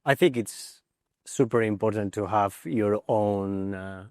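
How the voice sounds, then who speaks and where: A man's voice: lowish voice, takes it slowly, darkish tone, dry recording, clean studio sound, big-room sound. A man, an assistant coach on a panel, speaking thoughtful, hesitant English with frequent fillers. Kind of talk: panel interview on stage.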